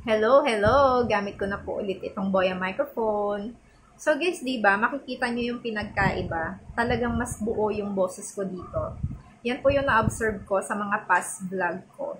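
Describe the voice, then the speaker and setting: A woman of ordinary pitch talks her viewers through a budget microphone review in a friendly, polite way, slipping English words into her sentences. A steady background noise runs clearly under the home recording. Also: normal speed, poor audio. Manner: polite and chatty, sprinkling Taglish and respectful particles; repeats test phrases while comparing mic on and off. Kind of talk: casual product review vlog.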